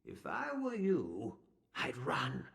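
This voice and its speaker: Very old monk, protective and weary, gravelly and animated, game dialogue in a roomy space. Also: male voice, medium pitch, takes it slowly, exaggerated voice. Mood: grave warning. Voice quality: aged, creaky. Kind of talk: video game voice acting.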